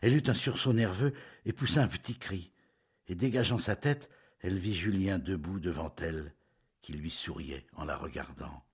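A man reading a novel aloud in scripted narration, measured and intimate, often dropping to a hush. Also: low voice, breathy edge.

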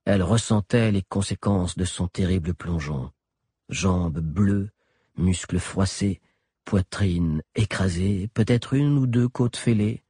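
A man narrating an audiobook with an expressive, dramatic delivery. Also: deep voice, slow pace, slightly rough, no room sound, clean studio sound.

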